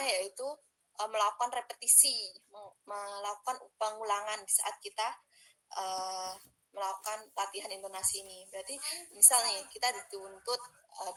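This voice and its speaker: Bright-voiced young woman coaching public speaking. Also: medium pitch, rough recording. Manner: chatty, many fillers, coaching breathing drills. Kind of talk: casual online workshop talk.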